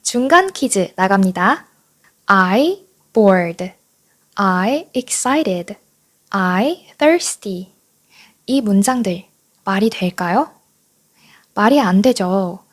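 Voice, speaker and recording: Slow, patient woman teacher. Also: mid-range voice, lively intonation. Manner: clear, patient teaching with slow repeated model phrases. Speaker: English teacher. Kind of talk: online English lesson.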